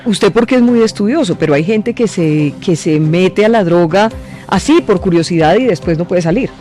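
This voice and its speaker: A woman's voice: fairly low pitch, animated, moderate pace, warm tone, soft background music. A woman hosting a radio interview, asking direct, probing questions and pressing with follow-ups.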